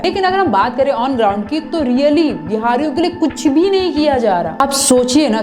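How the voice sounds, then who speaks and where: A woman with a high voice hosts a commentary video in an earnest, persuasive tone, often asking rhetorical questions. Music plays clearly behind her throughout. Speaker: video essay host.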